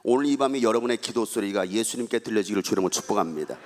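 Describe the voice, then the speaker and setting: A man's voice: lowish voice, expressive, rapid-fire, a little hiss or hum. A male pastor giving a dramatic revival sermon who calls out to the congregation and acts out a blind man's cries. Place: large church hall. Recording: long church hall reverb.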